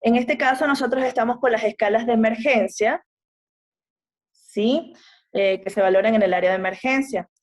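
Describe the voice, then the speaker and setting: A woman's voice: on the high side, moderate pace. A woman with an Ecuadorian accent introduces her student group's class presentation, speaking hesitantly with many fillers. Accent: Ecuadorian Spanish. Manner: hesitant, with frequent fillers, reads out a list of names.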